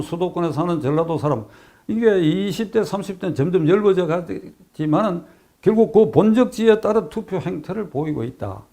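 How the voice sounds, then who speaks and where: A man's voice: high voice, dark tone. An older man giving a political commentary monologue, emphatic and repeating key phrases, asking rhetorical questions.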